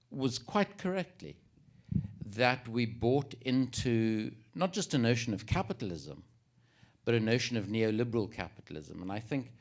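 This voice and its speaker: A South African man answering as a panelist, measured and explanatory with a wry touch. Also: on the low side.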